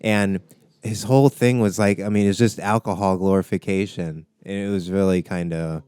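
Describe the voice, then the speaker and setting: A man's voice: deep voice, fairly even intonation, normal speed, darkish tone, clear, resonant tone, no room sound. A young man co-hosting a podcast, rambling casually with profanity and frequent restarts. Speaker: podcast co-host recounting comedy sets. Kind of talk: casual chat.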